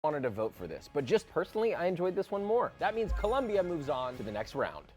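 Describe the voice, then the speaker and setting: A man hosts a food tasting, describing the flavors in detail. He talks fast, and his pitch is lively and animated. Faint music plays behind him. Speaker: food show host. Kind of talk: casual tasting commentary.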